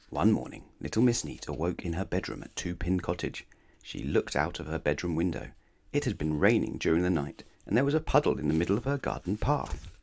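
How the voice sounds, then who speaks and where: With a deep voice touched by vocal fry, a man narrates a children's bedtime story. He reads expressively, using dramatic pauses and asking the listener questions.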